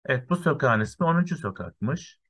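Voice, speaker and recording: Male primary teacher, patient, counts step by step, slow lesson for small children. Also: medium pitch, lively intonation, husky. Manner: counts through lists step by step, often saying "sevgili öğrenciler".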